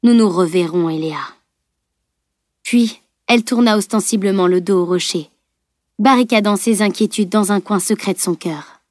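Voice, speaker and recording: A woman narrating a fantasy novel aloud in steady, measured storytelling. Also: medium pitch, no echo, clean studio sound. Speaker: audiobook narrator. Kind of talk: scripted audiobook narration.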